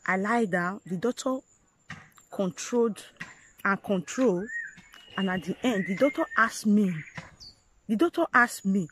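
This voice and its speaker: A woman vlogger earnestly recounting her life story to viewers, talking in halting phrases that she often repeats and restarts. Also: medium pitch, animated, slight background noise, low-quality recording. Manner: earnest, addresses viewers directly. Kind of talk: personal storytelling to camera.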